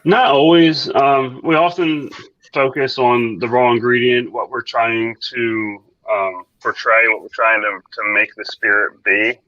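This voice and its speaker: A man working as a head distiller, answering in a measured, practical way during a live online chat. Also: mid-range voice, level tone, pushed and bright, no echo. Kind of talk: casual live-stream chat. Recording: dry, dull lo-fi audio.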